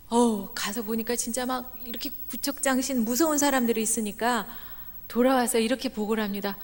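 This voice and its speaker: A middle-aged woman giving a lively storytelling sermon at a church meeting, acting out the voices of the people in her stories. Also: a little high. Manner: animated, acts out quoted voices, laughs at own jokes. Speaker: guest speaker at a church revival meeting. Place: church sanctuary. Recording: reverberant church hall.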